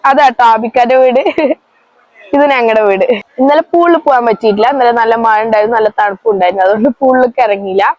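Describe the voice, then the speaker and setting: Casting: female casual vlogger, Kerala Malayalam accent, high-pitched, chatty, talking straight to viewers. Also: fast, dry recording, lo-fi sound. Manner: chatty, addresses viewers and companions directly. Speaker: vlog host.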